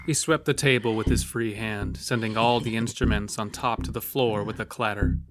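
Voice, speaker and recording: A man serves as the storyteller of an audio drama, narrating a scripted horror tale in a steady, lowish voice at normal speed. A loud music bed plays beneath him.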